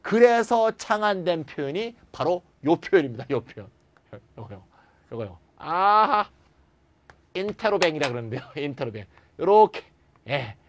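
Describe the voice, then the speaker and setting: A tired man lecturing on English grammar, acting out example sentences with lively emphasis. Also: on the high side, normal speed. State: tired after a late night. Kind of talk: recorded classroom lecture.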